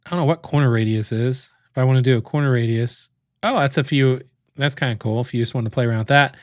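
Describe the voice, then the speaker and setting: A man walks his viewers through a software tool on a livestream, chatting as he goes. His voice sits at a middling pitch and is recorded close, with a dry sound and no room around it. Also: fairly even intonation, fast, dry recording. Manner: chatty, thinks aloud, many fillers. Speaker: livestream host demoing software. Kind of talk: casual livestream walkthrough.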